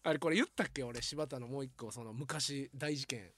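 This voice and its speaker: A man's voice: medium pitch, normal speed, very noisy. A man with a Kansai accent, animatedly telling a funny story on a comedy podcast and acting out the lines. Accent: Kansai Japanese. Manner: animated storytelling, acts out quotes, laughs often. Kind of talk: casual comedy chat.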